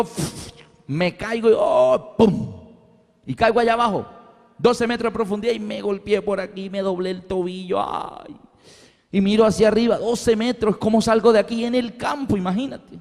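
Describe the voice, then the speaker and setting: A man with a high voice preaches a sermon, moving between scripture and a vivid parable he acts out in full. His voice carries a long reverb, as if it fills a large hall. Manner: animated storytelling, acting out scenes, addressing "queridos amigos".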